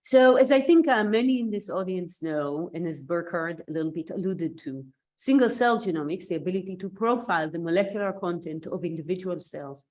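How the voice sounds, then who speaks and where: With a lowish, darkish voice, a Hebrew-speaking Israeli woman talks animatedly and a little fast, barely pausing. She is an invited scientist giving a thoughtful online seminar over video call, and an occasional cough shows she is still recovering from illness.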